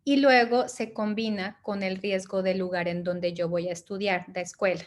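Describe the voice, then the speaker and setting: Woman walking through visa rules step by step, medium pitch, keeps tossing in little "ok?" checks, calm advisor tone. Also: moderate pace. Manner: methodical, checks in with tag questions. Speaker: migration and study-abroad advisor. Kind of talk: explanatory interview answers.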